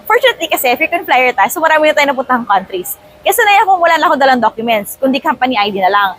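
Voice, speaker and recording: Animated chatty woman vlogger. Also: high-pitched, racing, rough recording. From Philippines. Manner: chatty, animated, mixes in English phrases. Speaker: travel vlogger. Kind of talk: casual storytelling vlog. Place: airport terminal, indoors.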